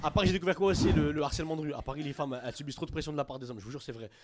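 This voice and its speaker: High-voiced animated stand-up comedian man. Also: very fast, heavy background noise. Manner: animated, jumps into shouted impressions. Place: comedy club stage. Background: audience laughter.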